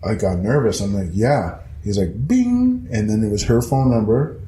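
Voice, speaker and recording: A man telling a story in casual conversation, animated and profane, acting out other people's voices as he goes. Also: on the low side, moderate pace, a little hiss or hum. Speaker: guest storyteller. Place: house interior. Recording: echoey room, faint ambience.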